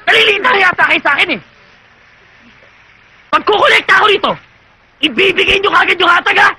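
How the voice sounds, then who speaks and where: An actor playing a bullying thug who yells threats while collecting protection money. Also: male voice, very high-pitched, fairly quick, no echo, full character voice. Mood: menacing. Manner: yelling, menacing. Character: loud bullying male extortion thug.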